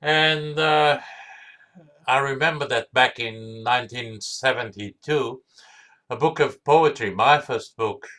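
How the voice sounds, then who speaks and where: A man in his seventies from Portugal with a Portuguese accent touched by Australian English, giving a measured talk full of memories and pauses. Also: mid-range voice, pushed and bright. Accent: Portuguese with Australian tones. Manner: slow, measured, with hesitations. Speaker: guest speaker. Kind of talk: storytelling talk.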